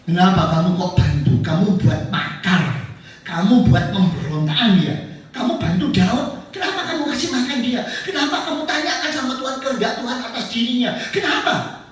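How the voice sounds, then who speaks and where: A man's voice: very high voice, expressive, moderate pace. A man preacher voicing an angry, suspicious king who scolds his men, heard in an echoey church from a distance. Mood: furious. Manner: scolding, indignant questions. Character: angry paranoid male king, accusing.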